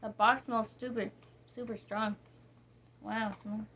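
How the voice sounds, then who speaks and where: A woman talks through a soap review in a loose, casual way. She reads ingredient names slowly and wanders between thoughts, stopping and restarting often. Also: fairly high pitch, fairly even intonation, a bit bright, a little hiss or hum. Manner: rambling, reading ingredients slowly, with many fillers and restarts. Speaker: vlogger reviewing soaps. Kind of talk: casual product review chat.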